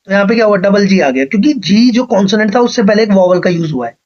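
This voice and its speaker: A man's voice: high voice, lively intonation, quick pace, darkish tone, highs cut off. A man teaching an exam-prep grammar lecture, explaining patiently step by step and often checking that his students follow.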